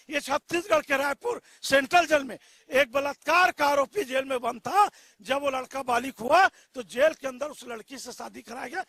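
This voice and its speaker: Very high-voiced combative male panelist. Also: pushed and bright, dry recording. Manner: combative, rhetorical questions. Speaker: debate panelist. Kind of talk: TV news debate argument.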